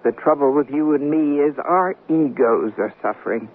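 In a 1970s radio comedy drama, a woman plays a wry, wisecracking middle-aged newlywed, her deep, natural voice moving at normal speed. She keeps things dry and bantering. The recording is noisy and narrow-band, typical of 1970s radio.

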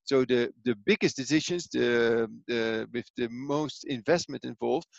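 A man from the Netherlands with a Dutch accent, a business coach explaining his ideas in a halting way full of fillers. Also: mid-range voice, gravelly, dry recording, lo-fi sound. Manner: hesitant, many fillers and restarts. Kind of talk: explanatory interview answers.

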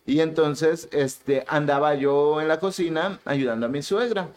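Mexican guy on a podcast stream, kinda high voice, laughing and telling stories. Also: unhurried. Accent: Mexican Spanish. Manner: animated storyteller, acts out quotes, laughs often. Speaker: podcast co-host. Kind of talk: casual live-stream chat.

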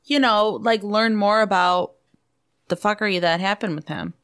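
A woman's voice: medium pitch, normal speed, a bit bright, clean tone. Blunt, sweary woman chatting on a podcast. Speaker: podcast co-host. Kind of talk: casual profane podcast chat.

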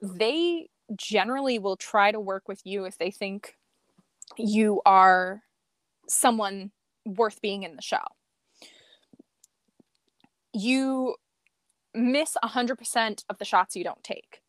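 A woman's voice: mid-range voice, slow, long pauses, no room sound. Woman chatting casually, dry sound. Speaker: podcast guest, amateur performer and cosplayer. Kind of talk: casual chat.

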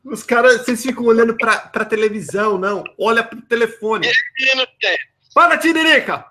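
A man's voice: high-pitched, steady tone, a little fast, a bit bright. A man with a Brazilian Portuguese accent hosting a live call-in show, joking and teasing callers informally. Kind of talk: casual live call-in chat. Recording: call audio from phone.

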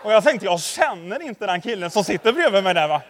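Male preacher, high-pitched, talks to the congregation like a friend, church-hall echo. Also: very animated, a bit bright, a faint crowd. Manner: chatty, with constant tag questions to the congregation; anecdotal storytelling, addressing the audience directly. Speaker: pastor. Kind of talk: conversational sermon.

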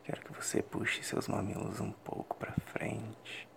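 Low, gravelly Brazilian man in whispered role-play. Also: monotone. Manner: breathy close whispering, slow and deliberate. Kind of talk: whispered role-play, intimate guided instructions for an adult listener.

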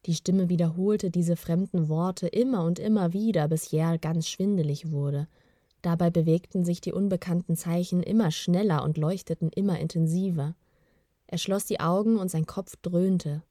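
Woman narrator, lowish voice, calm even storybook read, dry booth sound. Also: no echo. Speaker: audiobook narrator.

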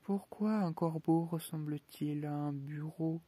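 Man doing a slow, contrary Hatter. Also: a little high, fairly even intonation, dark tone, slightly rough, no echo.

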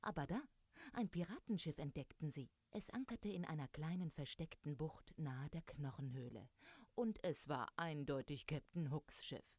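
A woman reading a children's adventure story aloud, lively and speaking directly to young listeners. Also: sits low, moderate pace, dry recording.

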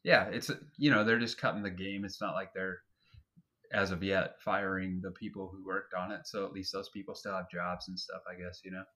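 A podcast co-host chats casually about games, laid-back and loose, swearing freely and leaning on lots of fillers. His low-pitched voice is sharp in tone, with a flat delivery and a brisk pace.

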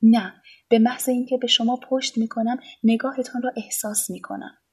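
A woman's voice: a little high, fairly even intonation, husky. A woman reading a storybook voices an agitated, despairing young man of twenty. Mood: angry. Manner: agitated, raised voice.

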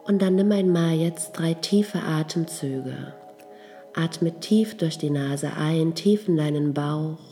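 Low, mellow female meditation guide, soft and slow delivery. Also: soft background music. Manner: slow, soft, calm instructions.

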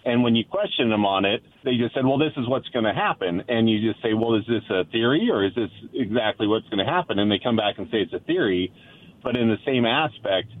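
A male radio show caller heard down a thin, phone-like line. He talks at a middle pitch in a rambling, hesitant way, and his frustration keeps showing through. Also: expressive, brisk. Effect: phone-line voice of a call-in caller. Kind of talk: casual call-in chat.

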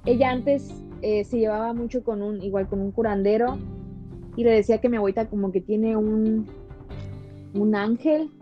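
A woman's voice: fairly high pitch, normal speed, muffled recording, soft background music. Young woman telling a spooky story. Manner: animated, fills talk with "o sea" and "¿no?". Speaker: podcast guest. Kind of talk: casual storytelling.

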